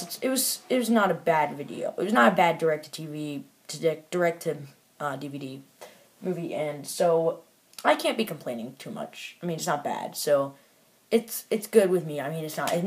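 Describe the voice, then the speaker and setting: A man casually reviewing a toy set, rambling with lots of fillers and restarts and making offhand, mildly critical remarks. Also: high-pitched.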